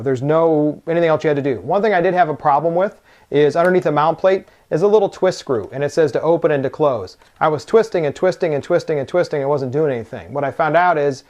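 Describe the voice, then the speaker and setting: Informally walking through a product hands-on, a man in a higher, slightly mellow voice unboxes it and explains each step as he goes.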